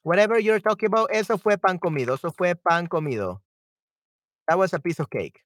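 A man hosting a live-stream language lesson, cheerful and quick to laugh, repeating phrases slowly and switching between two languages. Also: high-pitched, expressive, no echo, studio quality.

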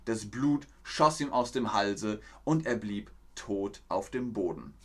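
A man's voice: fairly low pitch, animated, takes it slowly. A man teaching German on a live stream, reading a fairy tale aloud, explaining words and greeting viewers from the chat. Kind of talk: slow storytelling lesson with chat replies.

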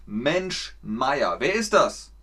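A man teaches everyday expressions in a relaxed live lesson. He speaks very slowly and deliberately, at a middle pitch, and acts out each exclamation with playful emphasis. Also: slightly rough. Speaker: German teacher. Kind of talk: casual live language lesson.

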